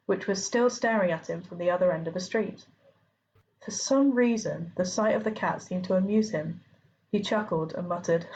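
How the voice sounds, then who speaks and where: Woman narrator, amateur audiobook reading, steady mid-pitched voice, lo-fi home sound. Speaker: reader.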